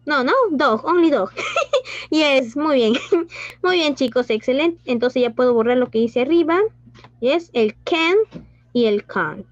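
Woman teacher, high slow voice, dull dry sound. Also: lively intonation, dry recording. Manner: mixes Spanish and English, asks questions and praises pupils. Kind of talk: online class teaching.

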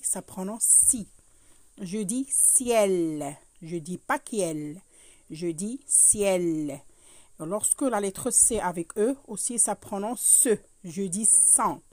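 A woman teaches young pupils in a slow, patient voice of middle pitch. She repeats each point and checks in with a quick "hein". The sound is dry, with no room echo. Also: a little mellow. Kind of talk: French lesson for children.

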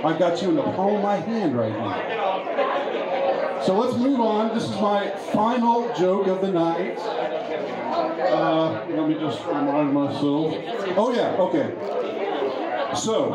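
Rambling comedian in an echoey bar. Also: male voice, sits high, expressive. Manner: halting, rambling delivery with many restarts. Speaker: stand-up comedian. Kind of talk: stand-up set. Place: bar with a pool hall. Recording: echoey bar with crowd behind.

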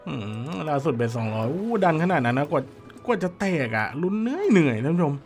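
A hoarse man with a Thai accent, chatting excitedly with his viewers while commentating an online slot game. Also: fairly high pitch, quick pace, faint music behind. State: hoarse, dry voice.

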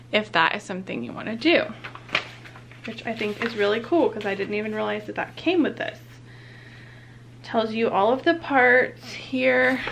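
A woman's voice: fairly high pitch, gravelly, a bit bright, slight background noise. A young woman, heavily pregnant and a bit out of breath, chatting casually through a product unboxing as a vlogger. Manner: chatty, upbeat.

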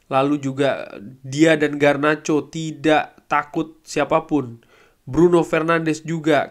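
A man's voice: on the high side, fairly bright tone. A man, hosting a casual football review at a desk mic in a small room at home, talking conversationally with many fillers. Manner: conversational, filler-heavy, paraphrasing quotes. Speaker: football channel host. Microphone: desk microphone.

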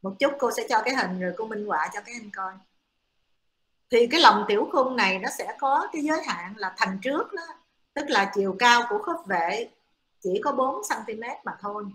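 Female lecturer, patient explainer with lots of fillers, slightly high voice, recorded in a roomy, echoing space. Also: animated, normal speed, fairly bright tone. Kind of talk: classroom lecture. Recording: echoey room.

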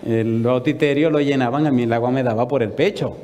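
A male pastor telling a testimony in a sermon, an animated storyteller firing off punchy rhetorical questions. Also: mid-range voice, brisk. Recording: long reverb of a large hall.

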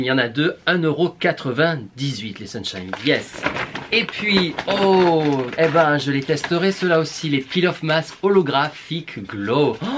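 A man's voice: mid-range voice, fairly bright tone, slight background noise. Male vlogger, southern French accent, playful and exclamatory, mid-range voice. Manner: chatty, playful, exclamatory, talks straight to viewers. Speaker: beauty vlogger. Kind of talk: casual shopping haul vlog.

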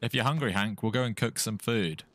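A man chatting casually with friends while playing a game online, quick to shout warnings and laugh. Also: fairly low pitch. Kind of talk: casual gameplay chat.

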